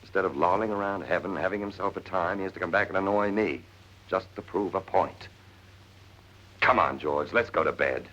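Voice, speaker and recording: A low-voiced actor, sounding pushed and bright at a moderate pace, plays a wry, exasperated man in a 1940s comedy film who believes his brother returned as a dog. His sardonic screwball banter comes through a muffled vintage soundtrack.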